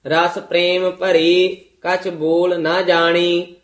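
A man reciting scripture in a steady, measured chant as a student. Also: high-pitched, roomy sound.

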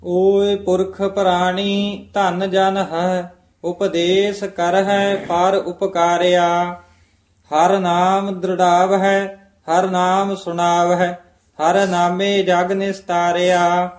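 A man reciting scripture in a slow, even chant as a student. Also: sits high, reverberant.

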